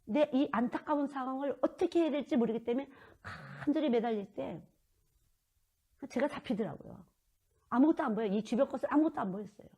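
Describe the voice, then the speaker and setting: A woman's voice: high voice, a little fast, slightly rough, highs cut off. A middle-aged woman preaching a sermon, earnest and acting out pleading prayers to God. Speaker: children's missionary preacher.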